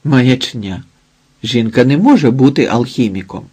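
A man's voice: mid-range voice, animated, measured pace, darkish tone, slightly rough. A man voicing a sleepy, grumpy young man who brushes others off, in an audiobook. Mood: dismissive. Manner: grumbling, dismissive.

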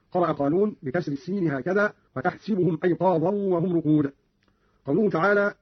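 Male radio presenter, formal and exacting, quick husky delivery, lo-fi broadcast sound. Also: fairly high pitch, no echo. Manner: measured, precise, scholarly delivery. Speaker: radio presenter explaining reading variants. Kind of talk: formal explanatory narration. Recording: dull lo-fi radio recording.

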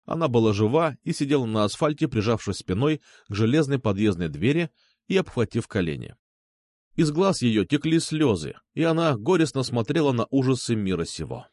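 A man narrating a first-person crime audiobook with a dramatic, expressive reading. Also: mid-range voice, dry recording, studio quality.

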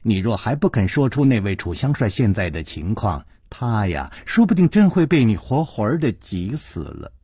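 A sweet-talking young woman, put on by a male storyteller coaxes in an amused, easy tone. The voice stays husky and dry, close to the mic. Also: fairly low pitch, sing-song, normal speed, hardly any pauses, warm tone, dry recording, exaggerated voice. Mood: coaxing.

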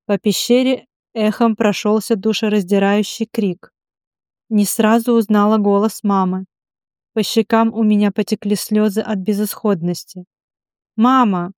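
A woman reading a novel in the first person as an audiobook, steady and even. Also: mid-range voice, unhurried, dry recording, studio quality. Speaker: audiobook narrator.

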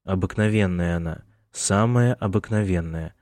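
In an audiobook, a male narrator voices a tired, irritated young man who gives his mother curt answers. The delivery is weary, slow and lightly acted, in a deep, darkish voice recorded clean in a studio with no echo.

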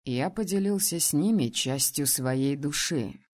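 A devoted husband begging his wife's forgiveness, as a woman reading the story puts him on. His voice sits deep and low, and it stays soft and pleading, like a man sitting outside a bedroom door. It is a storybook voice, not a full character performance. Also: lively intonation, unhurried. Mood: tender. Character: loving remorseful husband, adult man.

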